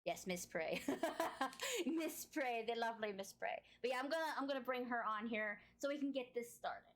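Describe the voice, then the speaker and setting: Big-voiced and booming, a woman runs a relaxed live-streamed podcast interview with effusive, chatty energy and frequent laughter. She sounds animated and a bit bright, speaking at a normal speed.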